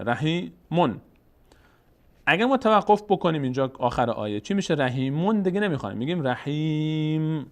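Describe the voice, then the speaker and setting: A man teaching a Quran recitation lesson, patiently explaining rules and slowly drawing out example words. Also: a little high. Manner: patient, asks and answers his own questions, draws out example words slowly. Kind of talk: step-by-step lesson.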